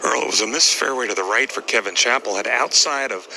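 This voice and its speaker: A man's voice: mid-range voice, quick pace, creaky, sharp tone. A man working as a golf commentator, reporting play shot by shot from outdoors. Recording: faintly noisy outdoor broadcast.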